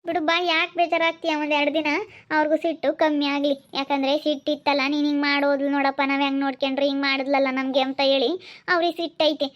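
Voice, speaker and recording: A woman's voice: sits high, level tone, fast talker, muffled recording, close to an everyday voice. A woman with a rural Chitradurga Kannada accent, acting a caring mother who comforts and lectures her crying daughter in a village family drama. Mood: soothing. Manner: soothing, lecturing. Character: caring mother, firm and soothing, scolds enemies.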